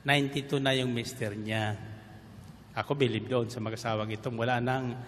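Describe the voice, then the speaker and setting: A man's voice: medium pitch, fairly even intonation, moderate pace. A man preaching a sermon to a congregation, mixing in English and repeatedly calling for "Amen" responses. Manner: mixes Tagalog and English, calls for "Amen" responses. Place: large hall with congregation. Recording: reverberant hall, faint background noise.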